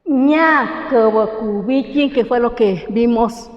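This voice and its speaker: A woman's voice: a little high, drawn-out words. A woman from coastal Oaxaca, a native Mixtec speaker with a Mexican accent, teaching a language class in a patient, encouraging way and often restarting her sentences. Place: university classroom. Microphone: teacher's own microphone. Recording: roomy hall echo, slightly dull.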